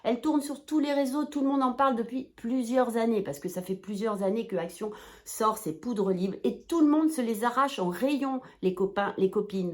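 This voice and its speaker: A woman chatting casually to her viewers in a shopping haul video, bubbly and excitable, rambling and breaking into playful exclamations. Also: fairly high pitch. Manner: talks straight to viewers, chatty and informal.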